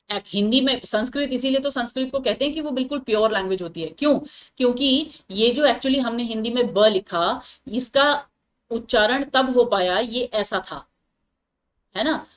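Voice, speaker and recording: Woman teacher patiently explaining English grammar. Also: on the high side. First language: Hindi. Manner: explains patiently, repeats points and checks understanding often; reads English example sentences slowly and deliberately.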